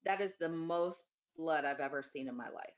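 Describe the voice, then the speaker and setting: A woman being interviewed, giving an unscripted account in a plain, deliberate, factual way. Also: deep voice, dull audio.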